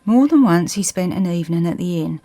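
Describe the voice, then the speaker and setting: A woman narrates a ghost story in a Suffolk accent. Her voice sits a little low, and she reads the scripted tale in a measured storyteller's way. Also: expressive, mellow.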